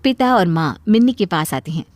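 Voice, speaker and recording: A woman's voice: fairly low pitch, animated, a little fast, no echo. A woman narrating a cartoon story in a plain, scripted way.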